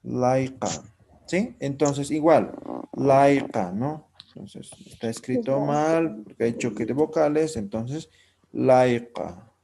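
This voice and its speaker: A man's voice: medium pitch, slow pace, gravelly, warm tone, a little hiss or hum. A man teaching a language class who explains patiently and keeps checking that students follow with short tag questions. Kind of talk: live online class.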